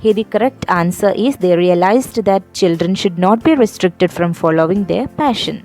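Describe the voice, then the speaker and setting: A woman teacher with a Malayali accent going through exam questions, reading English options slowly and explaining in quick asides. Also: mid-range voice, lively intonation, a little mellow.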